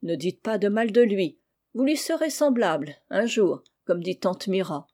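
A woman voicing an eager, curious young girl in an audiobook reading, speaking with lively enthusiasm. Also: mid-range voice, measured pace. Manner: enthusiastic, animated.

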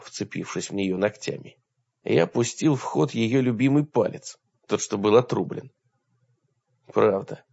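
Gravelly male audiobook narrator. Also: on the low side, darkish tone. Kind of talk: first-person audiobook narration. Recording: dull lo-fi recording.

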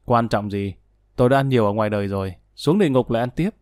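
A man's voice: mid-range voice, animated, fast, darkish tone, no echo, studio quality, natural voice. A man voicing a bitter, remorseful male prisoner in an audiobook, weary and self-pitying.

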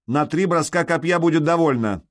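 A man's voice: a little high, brisk, pitched above the performer's own voice, lightly acted. A man doing a bellowing jarl on a fortress wall. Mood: defiant. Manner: bellowing, curt, defiant. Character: gruff jarl shouting from a fort wall.

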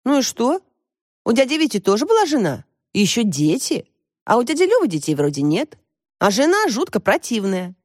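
Audiobook: woman playing a dramatic teen girl, high, bouncy and insistent. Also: sing-song, darkish tone, no echo, clean studio sound. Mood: pestering. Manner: quick, insistent, squealing up high. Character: excitable teenage girl, pestering and dramatic. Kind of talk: audiobook character voice.

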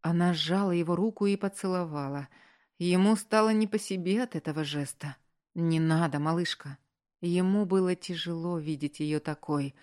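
A woman narrates a story in a measured, earnest audiobook reading. Her voice sits low for a woman and stays steady through the prose. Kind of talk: scripted narration.

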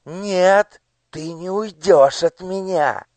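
A man voicing a spoiled, shrill villain's daughter in an audiobook, screeching and hissing. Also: takes it slowly, a little mellow, no room sound. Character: squealing spoiled girl Anidag, villain's daughter.

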